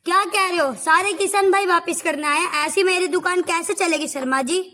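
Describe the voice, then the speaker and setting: A woman's voice: very high-pitched, a little fast, sharp tone. A woman playing a genial village shopkeeper man in an amateur street play, with exclamatory delivery. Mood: surprised, conceding. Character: genial male village fertilizer shopkeeper, adult.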